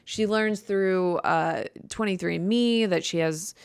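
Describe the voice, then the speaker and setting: A young woman from Chicago rambles through her own podcast in a slow, unhurried drawl, her dry voice full of gravelly vocal fry. She sits a little low for a woman and talks bluntly, swearing and joking as she goes. The sound is close and dry, with no room around it. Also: dry recording. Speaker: podcast host. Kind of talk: casual solo podcast chat.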